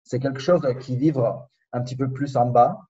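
A man with a slight Spanish accent, his first language Spanish, chats as a podcast guest and muses aloud with frequent pauses. He sits a little away from the mic, and the sound is dull and muffled. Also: mid-range voice, recorded from a distance, a crowd in the background. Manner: reflective, searching for words, many pauses. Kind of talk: casual conversation.

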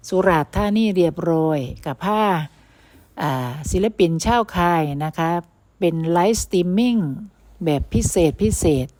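A woman's voice: lowish voice, a little slow, darkish tone. A woman narrating a travel vlog voice-over, chatty and friendly toward her viewers. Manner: chatty, addresses viewers as "brothers and sisters".

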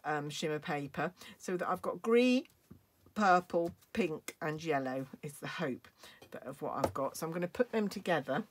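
A woman from the UK chatting through a craft tutorial as a demonstrator, with hiccups interrupting her and plenty of ums. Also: on the low side. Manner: chatty, apologetic, frequent ums. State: has hiccups.

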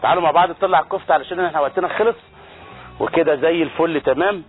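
An Egyptian man hosts a TV cooking show at a brisk pace, exclaiming over the food and bantering with his crew. His voice sits a little high. The audio is thin and phone-like, with soft music behind him. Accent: Egyptian Arabic. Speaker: TV chef and cooking show host. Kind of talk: lively cooking demonstration. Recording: tinny phone-like broadcast audio with faint music.

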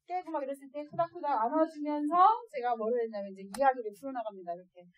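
Lively woman telling parenting stories. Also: sits high, very fast, dry recording. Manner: lively, acts out quoted voices and laughs often. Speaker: adoptive mother speaking at a parent education session. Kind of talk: storytelling lecture to parents.

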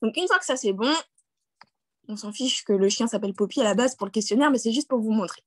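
A network marketing team leader, her voice a little high, speaks fast with lively intonation as she leads a screen-share tutorial on a video call, with no echo. She's chatty, heavy on fillers and restarts, keeps asking "d'accord?", and laughs self-deprecatingly about her English.

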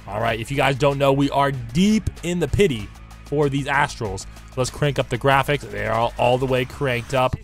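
A man with a hoarse, raspy smoker's voice, recovering from losing it, giving slangy, hyped game commentary to his viewers over music. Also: mid-range voice, moderate pace. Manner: slangy hype talk addressed to viewers. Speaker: gaming YouTuber. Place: indoor room at a computer. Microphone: desk microphone close to the mouth.

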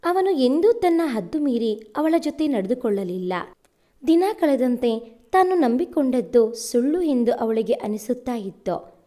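A woman narrates a romantic family story in an even, measured way. Her voice is pitched high. Its tone is warm and mellow.

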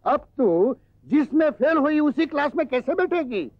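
A man's voice: very high-pitched, very animated, normal speed. An actor playing a fussy, superstitious older father who scolds his daughter in an old TV sitcom. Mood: grumbling. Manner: scolding, nagging, theatrical. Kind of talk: 1990s TV sitcom acting. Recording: dull lo-fi old TV audio.

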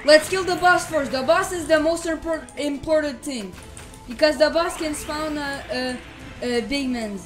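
A female gamer giving excited live gameplay commentary, repeating exclamations and casual slang like bro. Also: high-pitched, measured pace, faint music behind. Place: voice-over on screen-recorded gameplay, game music behind.

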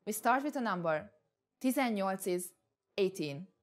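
Young woman teaching a clear language lesson. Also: medium pitch, lively intonation, unhurried. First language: Hungarian. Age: young adult. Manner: clear, carefully enunciated teaching delivery.

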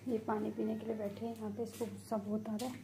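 Woman, cat owner, casual vlog chat, coaxing, raspy fry in the voice, slight hiss behind. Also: medium pitch, little pitch movement, fast, warm tone. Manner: coaxing, calls pets by name. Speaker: cat owner and channel host. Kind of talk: casual pet vlog commentary.

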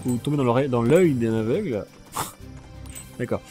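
Animated man commenting a game. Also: mid-range voice, moderate pace, slightly rough, faint music behind. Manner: animated, jokey, shouts during fights. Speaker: let's play gamer. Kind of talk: casual gameplay commentary.

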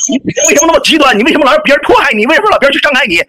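Shrill, shouting, near-tearful man. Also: racing, a crowd in the background. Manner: shouting, tearful, agitated, repeats himself. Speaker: livestream debater. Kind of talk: heated online argument.

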